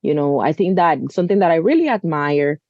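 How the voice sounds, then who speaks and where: A woman's voice: low voice, expressive, fairly quick, dry recording, highs cut off. A woman in her thirties from the Dominican Republic, speaking earnestly as an interview guest, often saying "you know.". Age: 30s. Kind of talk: conversational interview.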